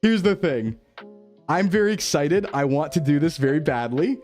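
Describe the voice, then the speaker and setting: A man's voice: fairly high pitch, animated, moderate pace, darkish tone, soft background music. A male VTuber chatting casually with his stream viewers, playful and jokey, heard through livestream headset mic audio. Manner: playful, jokey, laughing often.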